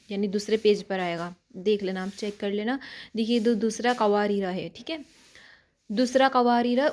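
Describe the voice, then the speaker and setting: A woman's voice: on the high side, a little mellow. Patient woman teaching Quran recitation. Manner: patient, explains step by step with frequent check-ins; chants Arabic words slowly and drawn out. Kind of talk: online tajweed lesson.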